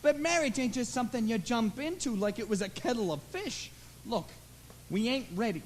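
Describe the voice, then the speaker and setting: A teenage boy playing a smooth-talking young gambler in a school musical, coaxing and slangy. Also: very high-pitched, expressive, normal speed, a little hiss or hum. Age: teens. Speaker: student actor in a school musical. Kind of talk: stage musical acting. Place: school auditorium stage.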